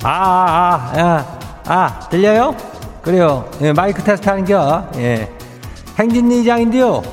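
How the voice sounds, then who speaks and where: A man's voice: high voice, lively intonation, measured pace, faint music behind, voice pushed up. A man voicing a folksy, rambling rural village headman with a Chungcheong accent, making announcements in a comic radio bit. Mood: folksy, chatty. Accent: Chungcheong Korean. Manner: rustic, rambling, repeats himself.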